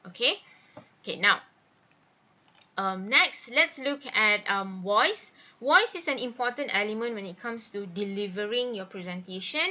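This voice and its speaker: A woman's voice: mid-range voice, lively intonation, a little slow, bright, forceful tone, muffled recording. A woman teacher giving a recorded lecture, explaining step by step and often checking in with "okay" between fillers.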